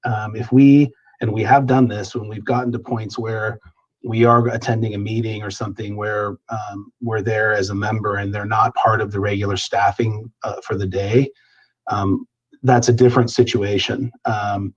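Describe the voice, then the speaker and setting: A man serving as police chief answers questions at a public meeting in a measured way with many hesitations, heard over a video call. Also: lowish voice, flat delivery, highs cut off.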